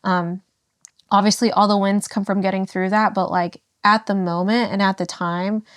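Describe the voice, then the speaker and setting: Emotional young woman, halting speech. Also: mid-range voice, level tone, clean tone, no room sound. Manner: halting, emotional, many fillers and restarts. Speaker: podcast guest. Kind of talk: candid personal conversation.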